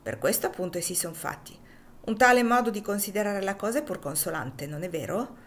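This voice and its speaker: A woman's voice: medium pitch, expressive, fairly quick, close to an everyday voice. A woman reading the lines of a tall man who questions with biting sarcasm. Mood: sarcastic. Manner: sarcastic, probing.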